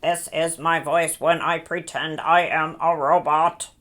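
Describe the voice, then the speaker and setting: A woman's voice: low voice, little pitch movement, unhurried, a bit bright, voice pushed down. A woman putting on a beeping robot voice. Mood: playful. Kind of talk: children's lesson, pretend play.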